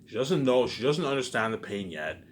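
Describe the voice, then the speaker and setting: In a mid-range, very animated voice at moderate speed, a man vlogs casually, going around in repetitive circles. Frequent swearing marks his talk, with emphatic bursts that trail away into muttering, and the recording has clear background noise.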